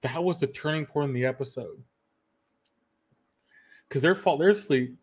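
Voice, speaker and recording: A man's voice: on the high side, moderate pace, breathy edge. A man hosting a casual podcast, eagerly retelling anime scenes and quoting characters as he goes. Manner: retells scenes with quoted lines, many restarts. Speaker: podcast host. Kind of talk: casual anime review chat.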